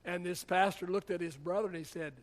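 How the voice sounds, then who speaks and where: A man's voice: high-pitched, steady tone, fairly quick. A man, a pastor, preaching a sermon in a church in a conversational, humorous storytelling way. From United States.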